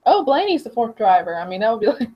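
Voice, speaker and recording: A woman's voice: on the high side, very animated, quick pace. A young woman co-hosting a podcast, chatting casually, laughing and often restarting her sentences. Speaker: podcast co-host. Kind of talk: casual chat. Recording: slightly dull lo-fi audio.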